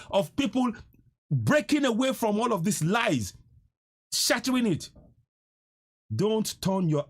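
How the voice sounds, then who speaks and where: A man in his fifties with a husky, slightly rough voice speaks on a live stream in a fairly high register. His pitch swings widely as he pleads and urges, repeating phrases and stumbling over words when he is moved. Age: 50s. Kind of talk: impassioned live-stream appeal.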